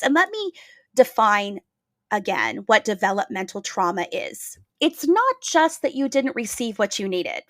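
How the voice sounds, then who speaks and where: A woman's voice: mid-range voice, a bit bright, no echo, clean studio sound. A woman hosting a podcast, telling a reflective story in an earnest, emphatic way. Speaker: podcast host.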